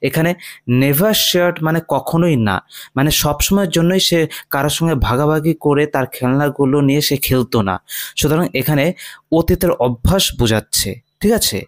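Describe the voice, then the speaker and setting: Guy teaching english in bengali, reads lines slow then explains, kinda high voice. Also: no room sound. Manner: often checks in with "ঠিক আছে?". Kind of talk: slow line-by-line English reading lesson.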